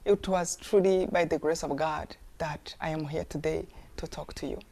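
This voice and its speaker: A woman's voice: sits low, fairly even intonation, normal speed, warm tone. A woman from Rwanda giving an earnest testimony talk, with emphatic rhetorical questions. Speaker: speaker.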